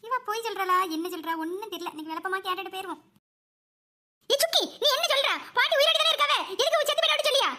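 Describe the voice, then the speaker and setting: A woman voicing a strict mother in a comedy cartoon, scolding with short brisk commands. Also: very high-pitched, fairly even intonation, bright, forceful tone, heavily acted. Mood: suspicious.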